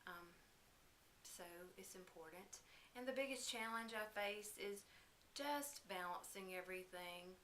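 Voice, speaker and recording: Bright-voiced woman, echoey news interview. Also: mid-range voice, a little slow. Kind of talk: student-made news interview. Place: indoors, in a home. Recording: roomy echo, faint hiss.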